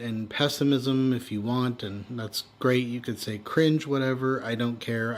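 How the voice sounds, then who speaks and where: An American man in a candid, unscripted rant, sounding worn out and weary, speaking frankly and trailing off. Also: medium pitch. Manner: exhausted, weary, sighing and trailing off; frank, swearing. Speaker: vlogger venting personal frustrations.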